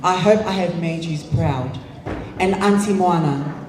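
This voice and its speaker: A woman giving a formal, measured thank-you speech as a reigning pageant titleholder. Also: fairly low pitch, a crowd in the background. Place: large event hall on stage. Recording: echoey hall PA from far off.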